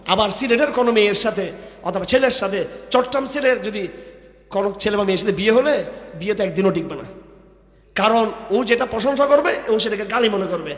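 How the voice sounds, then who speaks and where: A man's voice: high voice, brisk. A man from Bangladesh preaching a sermon to a crowd, firing rhetorical questions and mocking. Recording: echoey hall with long reverb.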